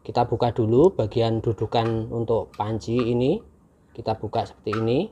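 A man calmly and patiently explaining, step by step, how to use a camping stove, recorded indoors with a camera mic above the table. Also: medium pitch, normal speed, slight background noise. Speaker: channel host demonstrating a camping stove. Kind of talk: casual how-to demonstration.

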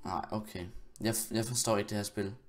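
Nervøs mand, der kommenterer et gyserspil. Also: male voice, fairly low pitch, steady tone, background noise. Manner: jumpy, yelps in fright, talks straight to viewers. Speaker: gamer. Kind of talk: Let's Play commentary.

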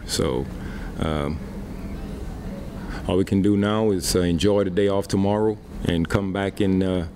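A middle-aged baseball manager answers reporters' post-game questions at a desk microphone, plain-spoken and unhurried, with many fillers. His low-pitched male voice is a little mellow, and slight background noise is audible.

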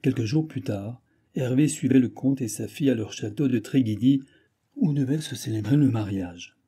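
A man narrating a short story for an audiobook in a measured, even storytelling manner with a husky voice. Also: mid-range voice. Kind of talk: scripted narration.

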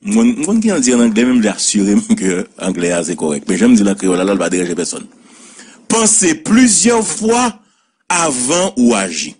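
A man's voice: lowish voice, expressive, fast, hardly any pauses, warm tone, breathy edge. A man with a Haitian accent hosting a commentary show, talking in a sing-song way and repeating words for effect. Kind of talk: animated Creole commentary.

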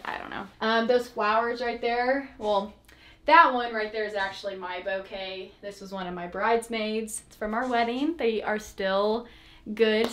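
A woman in her twenties giving a casual, giggly tour of her house to viewers, filmed on a handheld camera at arm's length. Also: mid-range voice. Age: 20s. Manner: chatty, giggly, talks to viewers directly. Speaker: vlogger. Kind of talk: casual home-tour vlog. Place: bathroom and rooms of a house, indoors.

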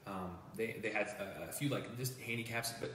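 A man's voice: lowish voice, fairly quick, a bit bright, distant mic, a little hiss or hum. Earnest man pastor, roomy echo. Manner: earnest storytelling, quotes people aloud. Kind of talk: casual faith chat. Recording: roomy, echoey, from off the mic.

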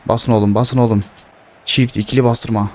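Young man yelling at a football game. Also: medium pitch, little pitch movement, moderate pace. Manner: swears, shouts at players. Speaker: gaming streamer. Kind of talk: excited football game commentary.

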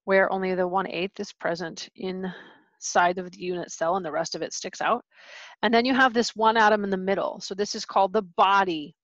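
A woman's voice: mid-range voice, fairly bright tone, dry recording, highs cut off. A woman teaching a chemistry lesson over a screen recording from home, explaining in a casual, chatty way. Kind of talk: screen-recorded lecture walkthrough. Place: home, with pet dogs.

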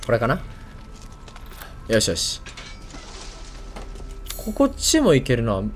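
A man's voice: mid-range voice, wildly swooping pitch, slow, faint music behind. A man with a Kansai Japanese accent doing casual video game commentary, thinking aloud in short muttered questions.

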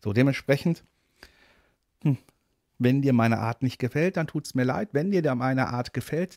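A man's voice: mid-range voice, darkish tone, slightly rough, no room sound, clean studio sound. A middle-aged man hosting a casual coaching podcast, talking bluntly and directly to the listener.

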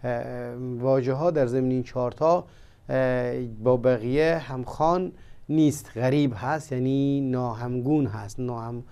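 A man teaching vocabulary in a language lesson, explaining slowly with many pauses and fillers. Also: mid-range voice, warm tone, smooth. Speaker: Arabic teacher. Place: studio.

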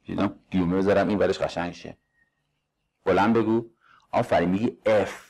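A man with a Persian accent teaching English grammar, reading example sentences slowly and quizzing his students. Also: low voice, steady tone, a little mellow. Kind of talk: grammar lesson walkthrough.

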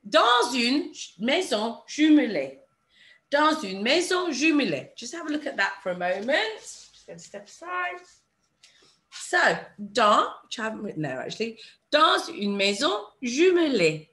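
A woman teaching an online French lesson, patiently modelling phrases slowly for learners to repeat. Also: fairly high pitch, a bit bright. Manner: patient, encouraging teacher talk. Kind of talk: online language lesson with screen share.

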